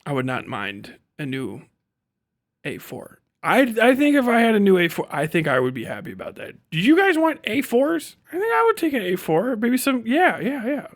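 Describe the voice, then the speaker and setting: This livestream host is a man with a high-pitched voice at a moderate pace. His unscripted monologue is casual, blunt, slangy and full of profanity, and he animatedly slips into acted-out lines of imagined dialogue.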